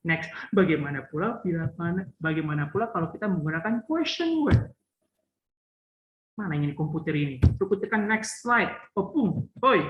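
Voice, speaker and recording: A man's voice: a little high, animated, moderate pace, slight background noise. Male tutor, jokey and repetitive; echoey room, muffled lo-fi sound. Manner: joking, teasing, repeats phrases. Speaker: English teacher. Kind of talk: casual online lesson. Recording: roomy, dull lo-fi.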